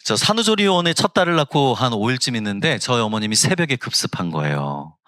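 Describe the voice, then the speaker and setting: A man's voice: medium pitch, big pitch swings, fast talker, fairly bright tone, no room sound, studio quality. A pastor in his fifties, from South Jeolla, preaching a sermon at a Friday prayer service in a church, telling family stories with humor. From South Jeolla, Korea. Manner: humorous, acts out family quotes. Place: church sanctuary.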